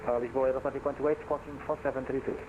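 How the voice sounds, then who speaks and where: A man's voice: mid-range voice, level tone, rapid-fire. A male pilot calling in and reading back over an aircraft radio. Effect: aircraft radio transmission. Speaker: pilot on air traffic radio. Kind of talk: rapid radio readback. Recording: dull, echoey, noisy radio transmission.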